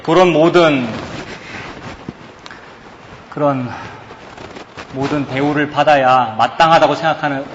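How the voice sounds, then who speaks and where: A man preaches from the pulpit with emphasis, often asking his congregation rhetorical questions. His voice sits slightly high for a man. The recording carries a long reverb from the church hall, with a faint hiss underneath. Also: takes it slowly, long pauses, muffled recording. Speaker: pastor. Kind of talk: sermon.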